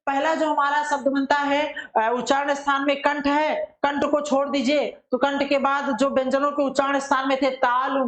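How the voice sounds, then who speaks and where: A woman teacher from India delivers a methodical, classroom-style lesson, asking questions and answering them herself while slowly drawing out syllables to demonstrate them. Her voice is high-pitched, and the low-quality recording sounds echoey.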